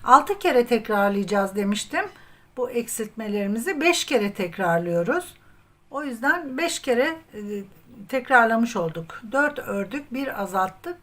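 This crafter's voice is a little high and a bit bright, with lively intonation and a measured pace. She walks viewers, whom she addresses as friends, through a crochet project step by step, counting stitches aloud as she goes. The audio is clean with audible room ambience.

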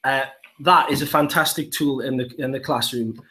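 A man's voice: medium pitch, fairly even intonation, normal speed, pushed and bright. A man with a Geordie accent, a primary school teacher, walking through an app demo step by step in an upbeat way. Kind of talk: live app demonstration.

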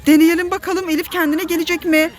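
A woman with a Turkish accent narrates a family pretend-play vlog as a mother talking to her kids. Her voice sits very high, and she fills it with excited, dramatic warnings. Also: quick pace. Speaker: mother filming her children.

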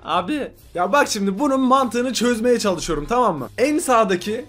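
A man's voice: extremely high pitch, expressive, moderate pace, a bit bright, soft background music. A man hosting a reaction video, commenting on photos in a casual, exasperated and joking way, often laughing.

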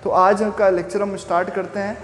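Physics teacher, man, high voice, asks the class questions as he explains, roomy reverb. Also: flat delivery, a bit bright, slight background noise. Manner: explains step by step with questions to students; chants Sanskrit verses slowly. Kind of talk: classroom lecture.

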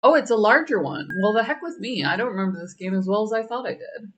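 A woman's voice: medium pitch, lively intonation, fast talker, lo-fi sound, background noise. A woman chatting through a video game as its streamer, playful and wry, often exclaiming.

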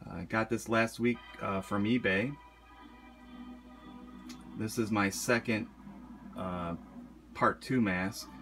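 A man with a lowish voice speaks slowly, leaving long pauses, as he casually shows off a collectible horror mask for his vlog. He's relaxed and rambles with plenty of ums and uhs, in a room decorated with horror posters while music plays clearly behind him.

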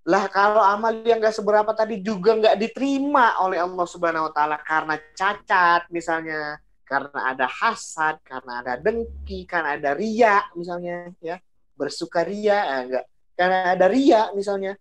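A woman's voice: fairly low pitch, normal speed. A woman giving a casual religious talk. She repeats phrases for emphasis and swings her delivery expressively. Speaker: religious speaker.

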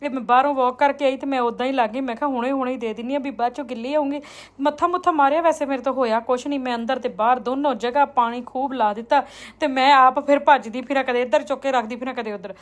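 A woman's voice: high-pitched, quick pace. A woman from India telling everyday household stories in a casual, chatty vlog, confiding in viewers like girlfriends. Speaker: vlogger.

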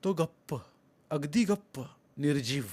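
A man reading a literary short story aloud. His voice sits slightly high, and he narrates slowly, with a measured, lyrical cadence. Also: animated, darkish tone, breathy edge. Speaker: audiobook narrator.

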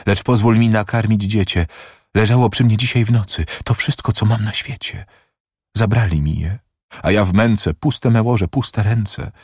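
Frantic young prisoner woman in a storybook reading, pleading and raised, acted by a man with a husky low voice. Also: measured pace, dry recording, studio quality, exaggerated voice. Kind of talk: audiobook reading of a verse drama.

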